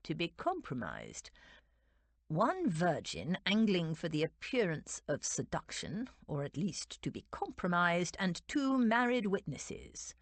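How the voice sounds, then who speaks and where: A woman's voice: on the low side, wildly swooping pitch, measured pace, no room sound, exaggerated voice. A woman narrator voicing an arrogant duke with a dry, disdainful drawl in a romance audiobook. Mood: disdainful, smug.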